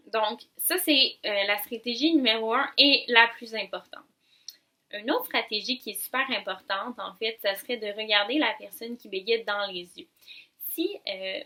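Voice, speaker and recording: A young woman with a Québécois French accent, a speech therapist calmly giving step-by-step advice in an educational video. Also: a little high. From Quebec. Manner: calm, advising, explains step by step.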